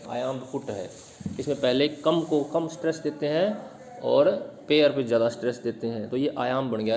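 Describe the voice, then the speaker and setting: A man teaching literary terms, explaining patiently and repeating example words slowly to show where the stress falls. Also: fairly high pitch, a little mellow.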